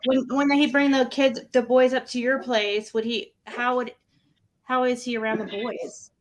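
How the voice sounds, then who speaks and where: A woman's voice: on the high side, little pitch movement, normal speed, low-quality recording. A woman hosting a casual livestream panel, asking questions in an informal, rambling way. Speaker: panel host. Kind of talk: casual true crime livestream chat.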